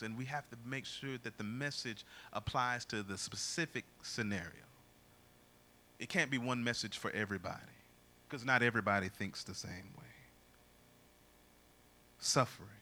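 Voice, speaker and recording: A male pastor preaching a sermon, booming and drawn out when he reads scripture and dropping low for his asides. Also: normal speed, sharp tone.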